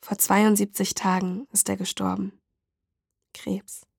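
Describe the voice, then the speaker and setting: A woman's voice: mid-range voice, level tone, slow pace, creaky, breathy edge, no room sound, clean studio sound, heavily acted. Woman voicing a fragile grieving young mother. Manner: fragile, quiet, formal address.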